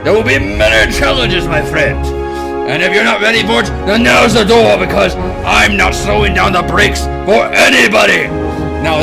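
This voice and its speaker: A man's voice: high voice, vocal fry. A man voicing a bombastic, boastful male pilot baron in a put-on British-style safari-adventurer accent, theatrical and grandiose, in an improvised character bit on a stream.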